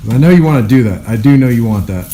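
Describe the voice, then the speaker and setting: A man's voice: medium pitch, expressive, quick pace, dark tone, a little hiss or hum. A middle-aged man coaching a student through exercises in an indoor jiu-jitsu gym, encouraging and commanding, counting reps aloud.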